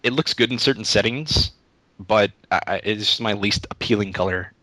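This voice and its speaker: A man's voice: on the low side, normal speed, bright, forceful tone, dry recording. A young man answering interview questions in a casual, rambling way, often restarting his sentences. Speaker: YouTube Let's Play creator, interview guest.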